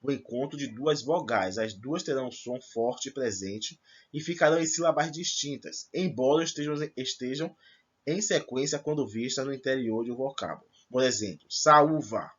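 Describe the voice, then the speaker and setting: This lo-fi recording of a remote class has a man with a slightly rough, mid-range voice at a moderate pace. He walks first-year students through a grammar lesson step by step, pausing to check on his class.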